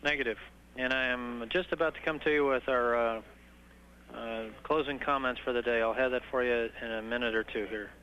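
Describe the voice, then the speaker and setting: A man working as a mission control communicator, giving measured, halting procedural instructions over the radio. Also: mid-range voice, steady tone. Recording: dull, noisy archival space-to-ground radio recording.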